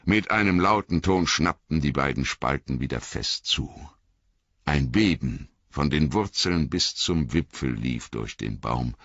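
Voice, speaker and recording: A man reading a story aloud as scripted narration, slow and expressive, in a dull, lo-fi recording. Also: extremely low pitch, dry recording. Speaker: audiobook reader.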